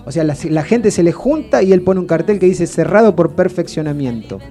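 Argentine guy rambling thru a funny story on the radio, deadpan, kinda high voice, soft music underneath. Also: a little fast. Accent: Rioplatense Argentine. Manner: rambling, deadpan anecdote with frequent restarts. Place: radio studio.

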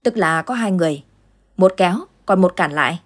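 A woman voicing a stern older village uncle who fights ghosts, gruff and commanding, in an audio ghost story. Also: lowish voice, animated, fairly quick.

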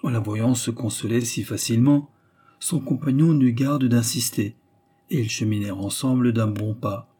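A male audiobook narrator reading a classic novel in a measured, even way. His voice is mellow and dark, with a husky, slightly breathy edge, at a middle pitch.

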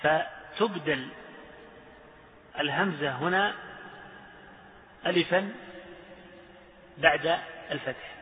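A man's voice: a little high, takes it slowly, long pauses. A man teaching a classroom lesson on the rules of Quranic recitation. He repeats his examples, chants verses and asks his students questions. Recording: echoey hall over a tinny, lo-fi line.

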